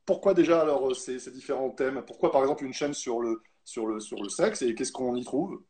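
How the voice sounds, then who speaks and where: A man's voice: medium pitch, brisk, warm tone, husky. Hesitant man asking questions. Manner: hesitant, repeats words while forming questions. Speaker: interviewer. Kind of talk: casual live interview. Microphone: video call.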